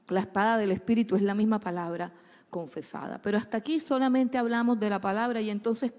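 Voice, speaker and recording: A woman preaching a sermon, swinging between loud exhortation and hushed asides. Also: mid-range voice. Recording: long hall reverb.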